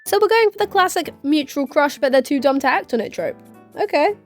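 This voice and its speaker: A woman's voice: high-pitched, expressive, quick pace, faint music behind. Sarcastic young woman rambling through a recap. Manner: sarcastic, rambling, giggly asides. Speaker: YouTube commentator. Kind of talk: casual commentary vlog.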